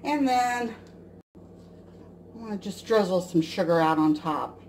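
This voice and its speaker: Her medium-pitched voice is expressive and unhurried as she casually explains a recipe step by step, cooking in her home kitchen. She is a woman in her forties from the US Midwest, recorded on a counter camera mic with background noise.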